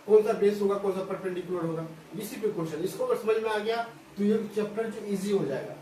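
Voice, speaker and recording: High-voiced man teaching maths, echoey room. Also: brisk, warm tone. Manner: explains step by step, repeats phrases, checks understanding often. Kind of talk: whiteboard lesson for school students. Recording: echoey room from a distance, faint hiss.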